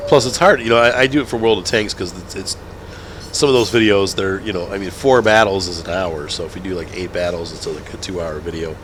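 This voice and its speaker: He hosts a gaming channel and, nose congested from a cold, keeps up loose commentary on a farming game, chuckling and self-correcting as he wanders. The voice sits low, with a fairly bright tone and a fairly quick pace. There's slight background noise.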